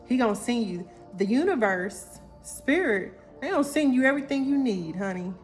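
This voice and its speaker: A woman's voice: fairly high pitch, normal speed, soft background music. Playful card-reading woman. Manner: animated, playful, calls viewers honey and y'all. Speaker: intuitive oracle card reader. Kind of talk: casual tarot-style card reading.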